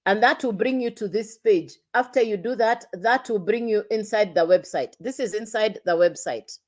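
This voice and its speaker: Woman pitching on a livestream. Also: moderate pace, a little mellow. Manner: repetitive, coaxing, addresses viewers directly. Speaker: online marketing livestreamer.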